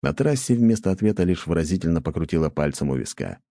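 A man reading an audiobook in a very deep, dark voice with a steady, measured delivery. The recording is close and completely dry. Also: dry recording. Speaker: narrator. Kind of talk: audiobook narration.

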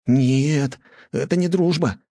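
A man voicing a defiant, hot-headed young man in an audiobook, with a husky voice. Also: on the high side, takes it slowly, warm tone, dry recording, studio quality, pitched above the performer's own voice. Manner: defiant, heated.

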